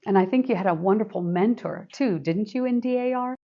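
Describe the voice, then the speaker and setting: With music behind her, a female podcast host reads announcements warmly and upbeat, then asks interview questions. Her medium-pitched voice moves fairly quickly, and the recording is dry and lo-fi.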